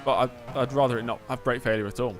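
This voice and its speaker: A man's voice: medium pitch, fairly even intonation, quick pace. Male streamer chatting over a racing game, music behind. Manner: talks to chat and mutters to himself. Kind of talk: casual live gaming commentary with chat replies.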